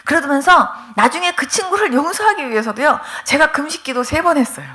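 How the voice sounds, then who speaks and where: A middle-aged woman pastor gives a revival testimony in a high, bright voice that leaps up and down as she tells her story. She is emphatic and pleading, acts out the voices of the people she quotes, and often sounds close to tears. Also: animated, brisk. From Korea. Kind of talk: testimony sermon at a revival meeting.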